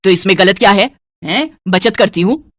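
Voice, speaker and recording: A woman's voice: medium pitch, moderate pace, dry recording, studio quality, lightly acted. A woman voicing a stingy, scheming old mother-in-law in a cartoon, with a scolding, penny-pinching manner.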